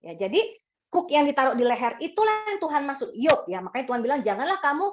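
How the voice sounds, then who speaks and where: Woman pastor, sermon delivery, animated and conversational, fairly high voice, muffled lo-fi recording. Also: fast talker, a little hiss or hum. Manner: animated, acts out quoted voices with sharp pitch jumps; chatty, asks the congregation for agreement. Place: church service. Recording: dull lo-fi recording.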